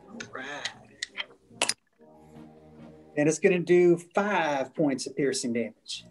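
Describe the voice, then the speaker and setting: Man, player, tabletop game, very slow, matter-of-fact. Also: a little high, music in the background. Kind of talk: casual tabletop game play.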